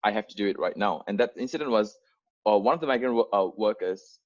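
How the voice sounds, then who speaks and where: This founder, an English speaker from Bangladesh in his twenties, tells volunteers the story behind his organisation in an earnest, unscripted video-call presentation full of fillers and false starts. His lowish voice moves fast through lo-fi audio.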